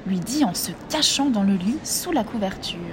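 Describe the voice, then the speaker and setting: A woman reading a fairy tale aloud in a measured, expressive storytelling voice. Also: mid-range voice, a little hiss or hum.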